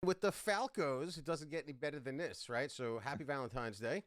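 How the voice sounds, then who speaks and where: A man co-hosting a live stream, greeting viewers by name and giving shout-outs in an upbeat, casual way. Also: mid-range voice, fast talker, dry recording, clean studio sound. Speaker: stream co-host.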